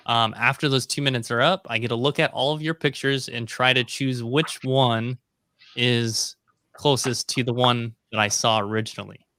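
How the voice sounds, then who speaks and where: Man, video call audio, bright, crisp, dry, casual host, lots of ums. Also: medium pitch, steady tone, normal speed, no room sound. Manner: rambling, many ums and restarts. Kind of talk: casual live-stream chat.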